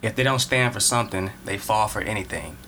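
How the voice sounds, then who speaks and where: Man co-host, easygoing slang, bright forward voice. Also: lowish voice, slight background noise. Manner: relaxed, slangy, quick to laugh. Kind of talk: casual podcast chat.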